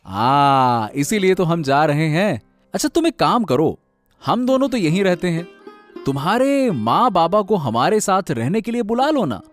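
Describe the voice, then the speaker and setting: In an acted Hindi audio story, a man plays a bossy yet caring husband, chatty and emphatic as he affectionately nags while making plans. His voice sits high with a sing-song lilt at a measured pace, over faint background music.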